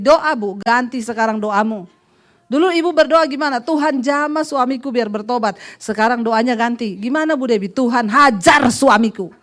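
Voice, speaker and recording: A middle-aged woman pastor preaches with a high, bright-pitched voice. She tells her stories with lively emphasis and acts out the dialogue in them. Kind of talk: sermon.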